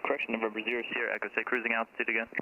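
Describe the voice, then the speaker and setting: A man's voice: mid-range voice, level tone, racing. A man working as a tower controller, giving clipped, procedural air traffic control calls over an aviation radio. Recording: tinny narrowband aircraft radio with noise.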